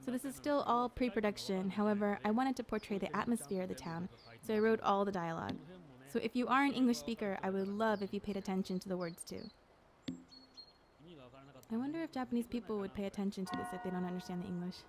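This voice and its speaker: A woman narrates a video game walkthrough in a casual, explanatory way, voicing a director's commentary in English. Her pitch sits in the middle of the usual female range. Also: fast talker.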